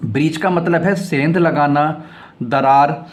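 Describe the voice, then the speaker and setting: A man with a slightly raised pitch teaches English vocabulary in an explanatory way. He spells each word letter by letter, repeats it several times, and reads example sentences slowly. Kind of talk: vocabulary lesson.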